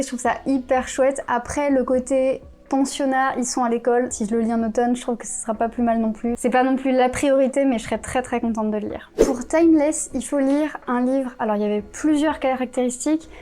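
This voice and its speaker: A woman's voice: high voice, mellow. A young woman from France with a French accent, chatting casually about books, with many fillers and self-corrections. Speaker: book youtuber. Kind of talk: casual chat.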